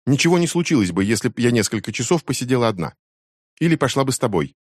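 A man voicing an angry, grieving teenage girl who hurls quick, shrill accusations at her mother. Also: a little mellow, dry recording, studio quality, close to an everyday voice. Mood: accusing. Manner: shrill, fast accusing outbursts.

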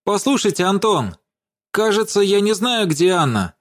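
A man's voice: high-pitched, sing-song, pitched above the performer's own voice. A man doing a chattering, bold young woman. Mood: defiant. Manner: rapid chatter. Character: bustling young woman, quick-tongued and bold.

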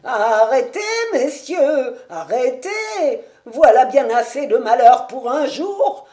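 A woman voicing a frantic, loyal old male servant who cries out in drawn-out, breathless wails. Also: a little high, expressive, dark tone, pitched above the performer's own voice.

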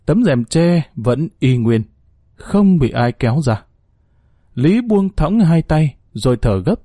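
A man's voice: fairly high pitch, sing-song, slow pace, warm tone, no echo, clean studio sound. A man narrating a horror story in a dramatic, suspenseful way.

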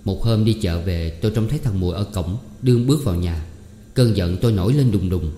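A man reading a novel aloud as audiobook narration in a steady, even storytelling manner. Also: deep voice, a little fast, slight background noise. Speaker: audiobook reader. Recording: echoey room with long reverb.

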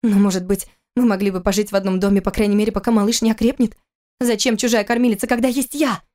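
A woman's voice: mid-range voice, fairly even intonation, quick pace, darkish tone, natural voice. A woman voicing a distraught pregnant young wife in an audiobook, pleading in a raised, shaken voice. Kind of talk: audiobook character reading.

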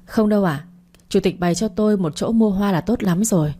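A woman's voice: medium pitch, a little fast, dark tone, lightly acted. A woman reading the lines of a humble, grateful male construction worker in a storybook, in an earnest way.

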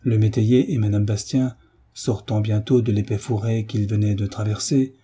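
A man narrating a classic novel aloud in a measured, dramatic reading. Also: fairly low pitch, fairly even intonation, dark tone, husky. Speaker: audiobook narrator.

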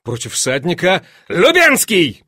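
A man reading an audiobook and voicing an excitable, imperious grand duke who barks orders and laughs. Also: on the high side, slow pace, no room sound, studio quality, full character voice. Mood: eager. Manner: commanding, shouting eagerly, laughing.

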